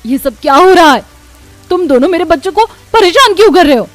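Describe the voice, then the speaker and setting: A woman's voice: high-pitched, normal speed, dark tone, pitched above the performer's own voice, close to an everyday voice. A woman putting on a protective poor mother. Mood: angry. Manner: fierce, caring.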